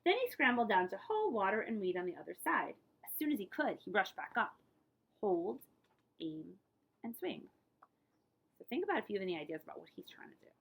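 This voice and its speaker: Gravelly and husky, this woman's mid-range voice moves a little fast as she reads a picture book aloud in a librarian's manner. Expect expressive delivery, dramatic emphasis on important words and explanatory asides.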